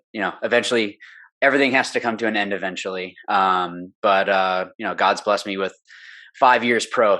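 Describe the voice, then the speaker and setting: A young man, a pro paintball player, rambles at length as a guest in a casual interview, earnest and full of fillers. He speaks from a home studio room in a low-leaning, sharp voice.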